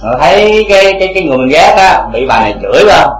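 A man's voice: fairly high pitch, big pitch swings, very fast, reverberant, soft background music, low-quality recording. A man teaching Buddhist dharma to a congregation, asking rhetorical questions again and again.

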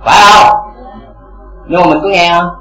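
A man's voice: high voice, steady tone, normal speed, bright, forceful tone, echoey room, faint music behind, low-quality recording. A man teaching Buddhist dharma to a congregation, asking rhetorical questions again and again.

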